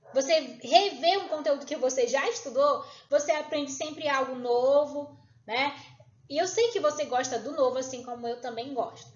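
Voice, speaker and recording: A woman teacher talks through a recorded lesson in a high, clear voice. She is patient and keeps checking in with her pupils, and she stretches out each syllable as she sounds it. The room rings with echo, and the sound is a little dull and lo-fi. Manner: patient, checks in with tag questions, slows down on syllables.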